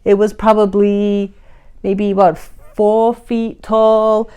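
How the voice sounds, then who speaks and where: A woman with a smooth, resonant voice tells a holiday memory from her childhood. She speaks plainly and reflectively, at an even, middle pitch. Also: drawn-out words. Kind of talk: casual storytelling to family.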